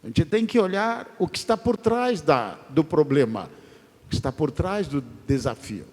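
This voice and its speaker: A pastor preaching a sermon in a church, telling stories with drawn-out, emphatic phrases. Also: male voice, on the high side, very animated, darkish tone. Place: large church. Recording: long church reverb.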